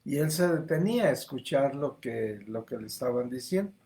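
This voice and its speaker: A man giving a livestreamed spiritual teaching, speaking slowly and deliberately, often repeating words as he explains. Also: medium pitch, lively intonation, mellow, slight background noise. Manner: slow, deliberate, with frequent repetitions.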